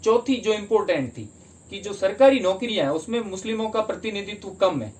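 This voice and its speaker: A man's voice: high-pitched, lively intonation, brisk, a little mellow, slight background noise. A man teaching a history lesson for exam prep in Hindi, explaining step by step and asking and answering his own questions.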